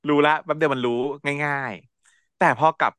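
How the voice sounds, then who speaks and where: A man's voice: a little high, normal speed, smooth, no room sound. A man co-hosting a casual podcast chat, recapping a series with frequent laughs and acted-out quotes. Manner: animated, laughing often, acts out characters' lines. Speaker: podcast co-host.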